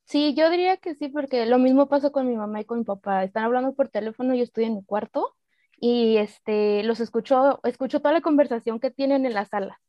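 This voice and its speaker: A woman's voice: fairly high pitch, fairly quick, no echo. Northern Mexican woman on a dull dry mic. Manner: relaxed storytelling with fillers. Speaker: podcast guest. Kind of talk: casual conversational interview.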